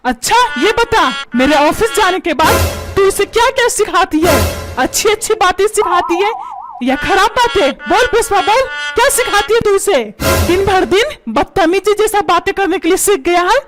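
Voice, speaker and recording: A woman's voice: very high-pitched, big pitch swings, a little slow, full character voice. A woman voicing a short-tempered middle-aged father in a cartoon, scolding and repeating insults. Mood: demanding. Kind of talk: Hindi cartoon voice acting. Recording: loud background music.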